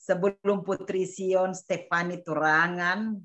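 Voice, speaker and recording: Unhurried woman hosting an online worship meeting. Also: fairly low pitch, fairly even intonation, fairly bright tone, highs cut off. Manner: affirming, calls on speakers by name. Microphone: video call.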